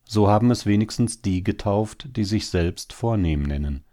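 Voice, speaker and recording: In a storybook reading, a man gives voice to a wry, gloomy hare who offers consolation. The delivery is low, deep, and calm, at normal speed and close to an everyday voice, its dark mellowness soothing even as quiet bitterness runs through the words of this sober story.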